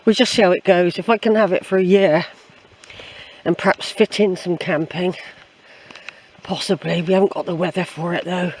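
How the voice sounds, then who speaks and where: A woman's voice: lowish voice, steady tone, normal speed, a little mellow, breathy edge. An older woman with an English accent, chatting reflectively and repeating phrases as she vlogs outdoors on a woodland walk. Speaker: hiking vlogger. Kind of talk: casual rambling walk commentary.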